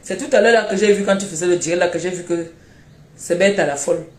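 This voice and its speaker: During a phone live stream, a woman speaking with a Cameroonian French accent jabs repeatedly at someone, scolding and mocking. She feels unwell and tired, and her lowish, darkish voice comes fast in an echoey room.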